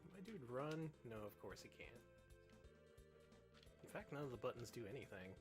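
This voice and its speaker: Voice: medium pitch, very animated, normal speed. A streamer giving casual, playful and wry commentary while playing a video game. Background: music.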